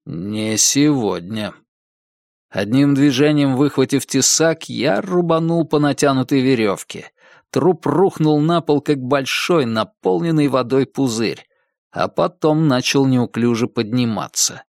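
A man reading a dark first-person story as an audiobook narrator, in a measured storytelling manner. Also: medium pitch, no echo, clean studio sound.

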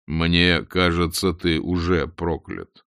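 A man voicing Death, an ancient, calm male reaper, speaking slow, quiet and deadpan. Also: low voice, vocal fry, dry recording, studio quality, voice pushed down, full character voice. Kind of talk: audiobook character voice.

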